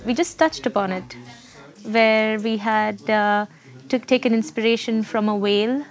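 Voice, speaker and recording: An Indian design student in her twenties, with an Indian accent, speaks unscripted in an interview, her voice on the high side, unhurried, and fairly even in intonation. She's indoors in a busy classroom studio, recorded on a lapel mic with soft background music.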